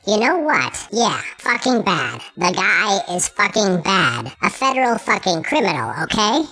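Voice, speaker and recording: A woman's voice: medium pitch, big pitch swings, measured pace, bright, forceful tone, exaggerated voice. A performer voicing a foul-mouthed, bossy male marmot who talks bluntly in an audio story. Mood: emphatic.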